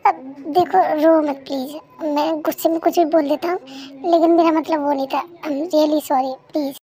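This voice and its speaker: A woman's voice: high-pitched, fairly even intonation, moderate pace, mellow, natural voice, low-quality recording. A woman voicing a cold, blunt young male CEO husband in a fan-made dubbed story. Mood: apologetic. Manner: blunt, dismissive, then apologetic. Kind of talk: fan Hindi dub role-play.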